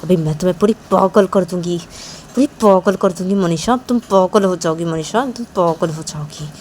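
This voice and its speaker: A woman's voice: lowish voice, normal speed, darkish tone, slight background noise, natural voice. A woman voicing a hot-tempered, jealous young woman who scolds and threatens, repeating herself, in an amateur audio story. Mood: threatening. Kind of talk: amateur storytelling with voiced dialogue.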